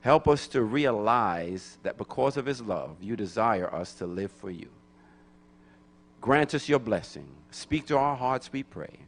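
A middle-aged guest preacher from Brooklyn, New York, with a low voice preaches a sermon into a handheld microphone in a church, and a little hiss or hum is audible. He repeats phrases and calls for answers from the congregation in call-and-response style, rising to emphatic.

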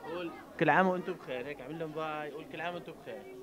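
A man in his thirties with a Syrian Arabic accent talks very fast in a slightly raised voice, coaxing children and chatting politely with parents. He holds a handheld mic in a busy indoor clothing shop. A crowd chatters behind him. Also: on the high side, low-quality recording. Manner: playful and coaxing with kids, warm and formal with adults. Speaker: TV reporter. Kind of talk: street interview. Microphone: handheld reporter mic.

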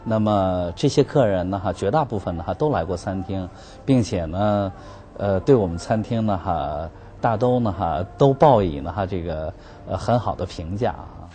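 A restaurant manager giving an interview answer in a halting way, full of fillers. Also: male voice, low-pitched, expressive, mellow.

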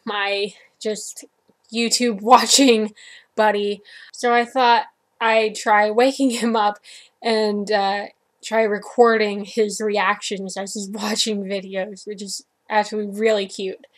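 A young woman vlogging to her webcam from her computer desk at home, chatty and cheerful, cooing now and then at her dog. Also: medium pitch. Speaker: vlogger and violinist. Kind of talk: casual chat to camera.

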